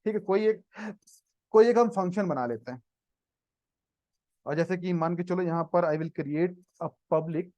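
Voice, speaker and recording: A man teaching a live programming class speaks at a measured pace, pausing often, in a high, a little mellow voice. He has an Indian accent, mixes Hindi and English, and checks in with students. The recording is dry, with the slightly dull quality of online class audio.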